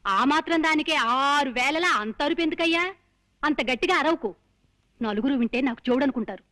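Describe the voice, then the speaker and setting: A woman's voice: sits high, animated, fairly quick, bright, forceful tone. An actress playing a frail, worried mother who pleads and chides in a film scene. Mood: pleading. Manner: pleading, chiding motherly talk. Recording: film soundtrack with music.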